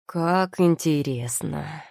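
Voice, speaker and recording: A woman's voice: low voice, normal speed, warm tone, dry recording, studio quality. A woman reading an audiobook voices a scheming husband, drawling and ingratiating. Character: scheming husband, smooth and cold.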